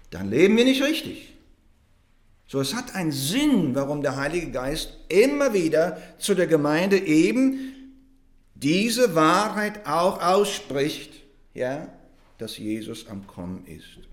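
An animated male preacher delivering a sermon, his fairly high voice rising and falling widely as he speaks straight to the congregation. The church room around him is noticeably echoey. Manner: animated storytelling, addresses the congregation as "ihr Lieben".

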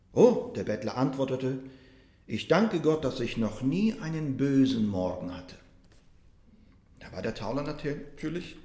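A man's voice: mid-range voice, darkish tone, reverberant. A man preaching a sermon with emphatic delivery, often addressing the congregation directly. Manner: emphatic preaching, addresses listeners as "Ihr Lieben".

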